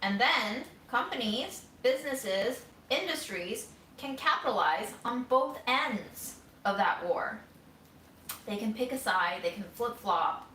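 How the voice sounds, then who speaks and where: A woman's voice: fairly high pitch, animated, slow pace, sharp tone, slight background noise. A woman in her thirties vlogging in her kitchen while cooking, musing candidly and wryly in a rambling, casual way. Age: 30s. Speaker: vlogger caring for her grandmother. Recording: roomy sound, mic at a distance.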